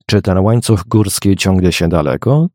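A man voicing a young male painter in an audiobook, polite and measured, quietly cautious. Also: low voice, no room sound, studio quality. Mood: guarded.

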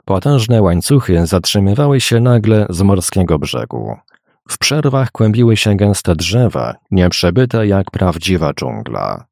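A man's voice: deep voice, vocal fry, darkish tone, dry recording, studio quality. A man narrating an adventure novel as an audiobook, reading expressively. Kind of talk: scripted narration.

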